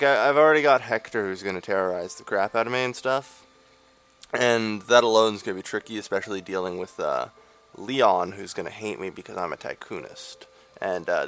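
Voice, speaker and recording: A man's voice: fairly low pitch, vocal fry, fairly bright tone. A young man hosting a let's play, giving rambling, sarcastic gameplay commentary into a desk microphone. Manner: rambling, sarcastic, many fillers.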